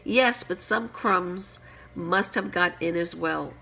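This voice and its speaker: A woman voicing a gloomy, rude male hatter who grumbles and mutters slowly. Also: on the low side, gravelly, pushed and bright, slightly rough, heavily acted, poor audio. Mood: grumbling.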